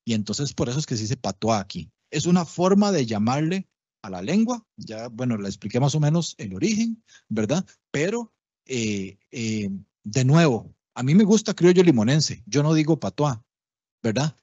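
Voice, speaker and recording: A man lectures in an explanatory, step-by-step way, often pausing to check his listeners are with him. His voice is slightly husky and sits at a middle pitch. The sound is dull and lo-fi, with a dry, close feel. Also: sing-song, warm tone, dry recording. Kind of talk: public talk on language history. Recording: dull lo-fi livestream audio, dry.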